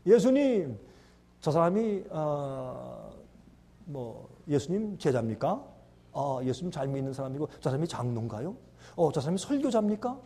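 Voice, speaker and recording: A man's voice: fairly high pitch, sing-song, normal speed, warm tone, breathy edge, heavily acted. A man voicing a male devil who sarcastically taunts and mocks. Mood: sneering. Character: sneering mocking male devil.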